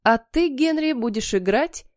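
A woman's voice: high-pitched, expressive, unhurried, no room sound, clean studio sound, pitched above the performer's own voice. A woman voicing a stern, bossy schoolteacher in an audiobook, giving orders that brook no argument. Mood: commanding.

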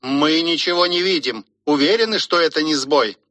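A man voicing a calm male mission controller on the radio in an audiobook, giving slow, measured replies. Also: fairly high pitch, dry recording.

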